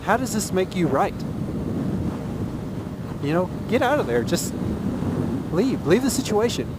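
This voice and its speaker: A motovlogger from Texas, USA, muses aloud as he rides, his high-pitched voice sing-song and unhurried. He's casual and earnest, repeating phrases for emphasis, and his helmet microphone is swamped by loud wind and engine noise.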